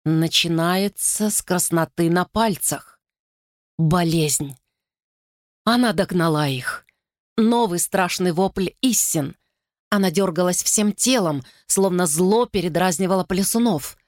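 A woman reading a novel aloud as narrator, in a steady, dramatic way. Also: lowish voice, dry recording, studio quality. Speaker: audiobook narrator. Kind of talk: scripted narration.

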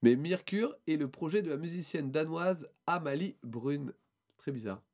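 A man talking on a casual podcast, his voice sitting a little higher than most men's. He rambles through a band presentation, hesitating, restarting and filling gaps with "euh". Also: animated, normal speed, darkish tone.

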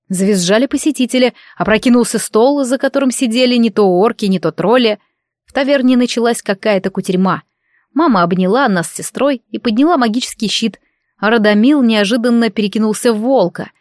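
Lively woman reading an audiobook. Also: on the high side, dry recording, clean studio sound. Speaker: audiobook reader. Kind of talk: audiobook narration.

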